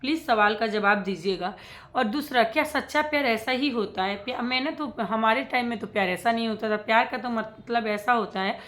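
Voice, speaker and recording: This reaction video creator talks to her audience casually and forcefully, circling back to the same points and mixing in English. She has a fairly high, fairly bright voice and talks a little fast.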